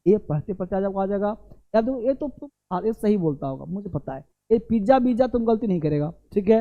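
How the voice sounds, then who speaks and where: A man's voice: high-pitched, dark tone. Indian man drilling pronunciation, repeating words. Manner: repeats words slowly and emphatically, casual and direct. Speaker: English pronunciation teacher. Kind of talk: informal classroom teaching, drilling words. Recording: slightly dull lo-fi sound.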